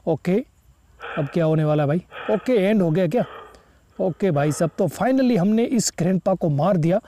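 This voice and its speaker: A man talks his friends through a horror video game in a slightly high, mellow voice, bursting into startled exclamations as he plays. Faint noise hums under his voice. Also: normal speed. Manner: excitable exclamations. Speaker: gaming YouTuber. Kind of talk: let's play commentary.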